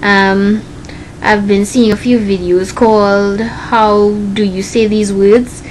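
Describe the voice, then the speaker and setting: A woman's voice: medium pitch, steady tone, takes it slowly, rough recording. A young woman from Trinidad with a Trinidadian Caribbean accent, talking casually to her webcam in a bedroom. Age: young adult. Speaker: video blogger. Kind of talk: casual chat to camera, reading a word list. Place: small bedroom indoors. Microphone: webcam or laptop mic at close range. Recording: noticeable room noise, webcam sound.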